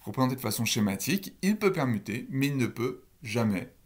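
A man's voice: medium pitch, sing-song, brisk. A man giving a recorded university lecture on phonology, explaining step by step and asking the listeners questions.

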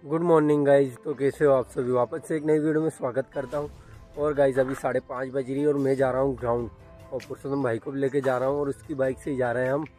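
Outdoors on streets and farm fields, a young adult vlogger films himself on a phone at arm's length, casually describing his day. His medium-pitched voice is warm and level and he talks fast, with faint music in the background.

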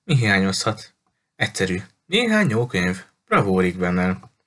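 A man's voice: low voice, sing-song, a bit bright. A man voicing a cheerful, talkative little lady who runs a bookshop, gushing and cutting others off.

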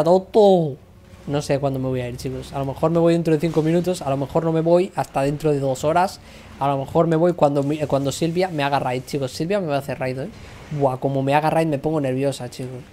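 A young woman with a Spain Spanish accent streams a game live, chatting, complaining dramatically and swearing freely. Her low-pitched voice is warm, with slight background noise.

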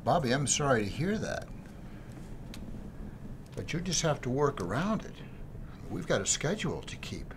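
A pushy middle-aged TV producer in a film drama. His animated voice swings up and down as he brushes objections aside. Audible background noise sits under him. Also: medium pitch. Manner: brisk, persuasive, dismissive. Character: pushy male TV producer, schedule-minded.

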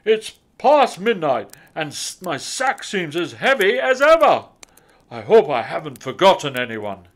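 Booming, hearty Santa Claus. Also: male voice, very animated, heavily acted. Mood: weary surprise. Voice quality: booming, loud. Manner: hearty, exclaiming, drawn-out delivery.

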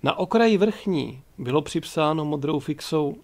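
A man reading an audiobook in a steady, measured way. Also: a little high. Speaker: audiobook narrator. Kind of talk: audiobook narration.

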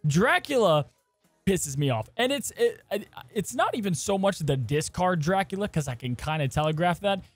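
A man co-hosting a casual gaming podcast, animated and jokey as he runs the segments. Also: high voice, moderate pace, breathy edge, dry recording, faint music behind. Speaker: podcast co-host.

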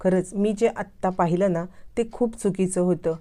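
A woman's voice: fairly low pitch, moderate pace, dark tone, lightly acted. A woman voicing a caring young man who speaks earnestly and reassuringly to his sister-in-law.

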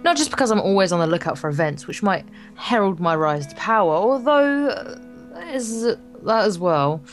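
In this Let's Play, a woman with a medium-pitched, sing-song voice narrates visual novel text at a moderate pace. She banters casually with jokey asides and stumbles now and then, while music plays faintly behind her.

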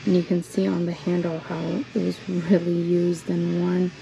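Wandering an antique mall, this reseller vlogger chats admiringly through her casual shopping vlog, saying um often. Her low-leaning, gravelly voice is monotone at a moderate pace, and the dull handheld-camera audio sits over music with a fan humming behind.

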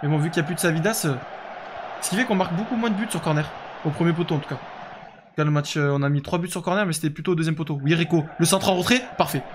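There's background noise as a young man talks very fast in a slightly high voice while streaming a football management game. His commentary is casual and full of fillers, and he keeps reading and answering his chat.

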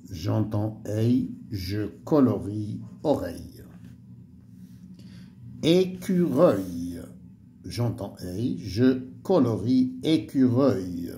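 A man teaching a primary-school French lesson, slowly spelling out syllables and letters for young pupils. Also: on the low side, mellow, a little hiss or hum.

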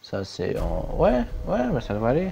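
A young man doing let's play commentary, excitable, yelping and swearing at the game as he plays. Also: mid-range voice, normal speed, creaky. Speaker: gaming YouTuber. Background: game music.

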